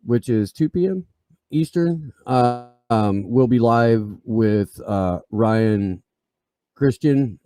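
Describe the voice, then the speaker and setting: A man with a gruff, scruffy voice co-hosting a casual live stream, rambling and swearing, full of fillers and restarts. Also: medium pitch, warm tone, no echo. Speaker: podcast co-host.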